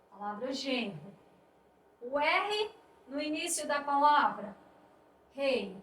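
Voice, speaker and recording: A woman teacher explaining spelling rules slowly and patiently, restating each point. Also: high-pitched, a bit bright. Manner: slow, explanatory, repeats points with "isto é". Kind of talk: spelling lesson. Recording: echoey room, voice a bit distant, faint noise.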